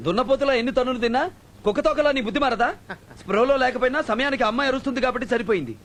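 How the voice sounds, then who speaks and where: A man's voice: extremely high pitch, very fast, background noise. A man playing a stern, suspicious man in charge who scolds and gives orders, over film music. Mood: scolding. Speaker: film character. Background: film score music.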